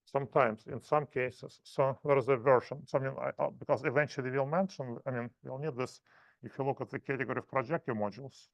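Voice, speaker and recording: Man, math seminar lecture, halting and self-correcting, dry muffled sound. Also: medium pitch, fairly even intonation, no room sound.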